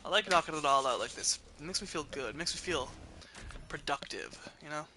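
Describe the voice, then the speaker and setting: Chatty bright-voiced young man streaming. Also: on the high side, lively intonation, fairly quick, a little hiss or hum. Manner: rambling, chatty, trips over words. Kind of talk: casual gameplay streaming.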